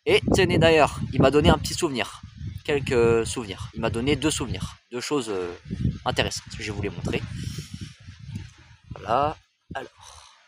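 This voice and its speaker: Chatty young man vlogging outdoors, loud noise. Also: medium pitch, expressive, normal speed, pauses often. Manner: chatty, rambling, often stumbles and corrects himself. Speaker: train-spotting vlogger. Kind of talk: casual face-cam vlog.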